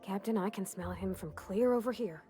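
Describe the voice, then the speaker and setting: A woman's voice: medium pitch, brisk, dark tone, faint music behind, natural voice. An actress playing a folksy young female crew member with a homespun way of talking. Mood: wry. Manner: folksy, homespun turn of phrase.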